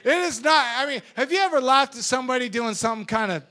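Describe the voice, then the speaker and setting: Young male preacher, high and bright, animated sermon full of jokes and acted-out voices. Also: quick pace. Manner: animated, acts out silly voices and laughs. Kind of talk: energetic sermon.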